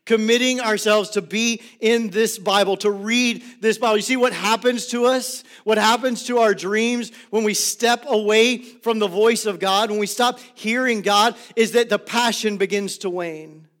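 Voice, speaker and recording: A male pastor preaching a sermon to his church, building to emphatic lists and then dropping to quiet, breathy, near-whispered phrases. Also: high-pitched, fairly even intonation, unhurried, few pauses.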